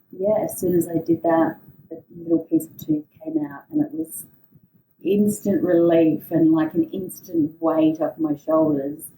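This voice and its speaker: A woman giving an unscripted personal monologue in a hesitant, reflective way, often pausing mid-phrase. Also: low-pitched, creaky, mellow. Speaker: podcast host telling a personal story. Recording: roomy echo, distant mic, faint noise.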